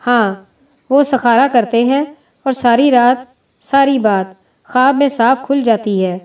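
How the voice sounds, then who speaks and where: A woman's voice: a little high, a little mellow, lightly acted. A woman reading as a boastful wandering mystic. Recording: distant mic.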